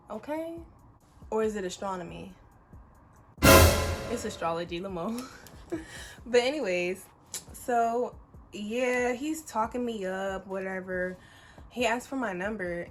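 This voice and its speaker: A woman of about twenty telling a story to camera in a casual, animated, chatty way, full of fillers and swearing. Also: medium pitch, slight background noise. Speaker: vlogger.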